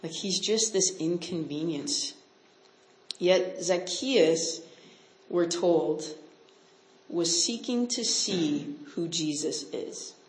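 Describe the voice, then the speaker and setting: Speaking slowly in a fairly low, darkish voice, a woman from Canada who is a missionary gives a relaxed Bible lesson. She chats, tosses in "like" and "right?" asides often, and quizzes her listeners, all in a roomy, echoing recording.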